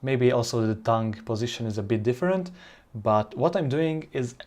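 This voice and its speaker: Male language-learning presenter, native Hungarian with that accent, medium pitch, informal and somewhat halting explanations. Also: a little mellow. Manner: halting, searching for words, non-native phrasing.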